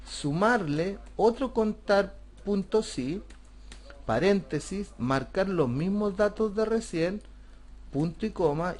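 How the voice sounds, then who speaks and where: A man's voice: high voice, darkish tone. Man patiently teaching a spreadsheet class. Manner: patient, step-by-step explaining, asks rhetorical questions. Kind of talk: screen-recorded software tutorial.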